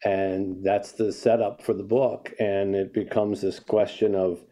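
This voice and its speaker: Mellow older man telling a story. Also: fairly low pitch, little pitch movement, unhurried. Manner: reflective storyteller, frequent restarts. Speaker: author guest. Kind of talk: conversational interview.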